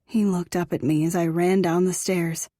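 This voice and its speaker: A woman's voice: fairly low pitch, fairly even intonation, normal speed, dark tone, no echo, studio quality. A woman narrating a first-person romance audiobook in an intimate, emotional reading.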